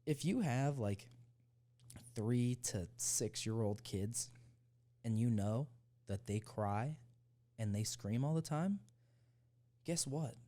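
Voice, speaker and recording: A man's voice: mid-range voice, takes it slowly, pauses often, warm tone. A young man co-hosting a podcast, telling a heated, profane story in casual chat. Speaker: podcast co-host.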